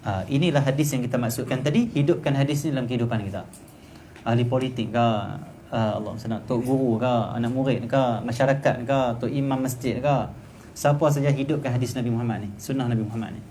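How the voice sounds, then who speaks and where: Quick Kedah-accented male teacher, acts out grumpy people, faint room hum. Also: mid-range voice. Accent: Kedah Malay. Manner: lively, acts out grumpy people in raised voices. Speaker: religious teacher. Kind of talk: religious class lecture. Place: private home study class.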